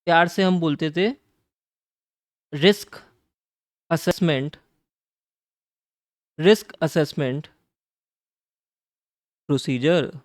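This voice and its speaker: A man's voice: fairly high pitch, slow pace, pauses often, no echo, clean studio sound. Chatty coaxing male audit tutor. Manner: chatty, asks and answers his own questions; calls students "beta" and "bhai", coaxing and playful. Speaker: audit teacher. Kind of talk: Hindi-English exam-prep lecture.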